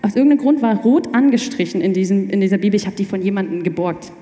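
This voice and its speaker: A young woman telling her faith story in casual chat, animated and quick to restart her sentences. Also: medium pitch. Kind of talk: personal testimony in casual chat. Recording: echoey room with long reverb.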